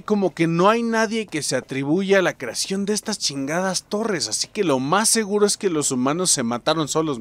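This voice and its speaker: A Mexican-accented man narrating his gameplay, cracking jokes and cursing casually as he chats to his viewers like friends. His voice sits a little high and leaps all over the place, bouncing between excited yelps and muttered asides. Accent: Mexican Spanish. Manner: joking, swears freely, talks to viewers as buddies. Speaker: gaming channel host. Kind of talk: let's play commentary.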